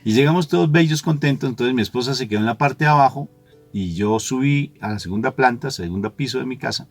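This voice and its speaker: A man's voice: medium pitch, fast talker, faint music behind. Man telling a story animatedly. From Colombia. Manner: animated storyteller, acts out quoted voices. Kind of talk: storytelling religious talk.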